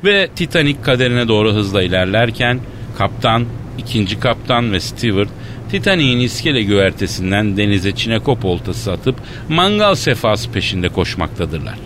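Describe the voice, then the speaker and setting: A man's voice: very animated, moderate pace, fairly bright tone. A man narrating a comic radio play from a script. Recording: noisy, rumbling background.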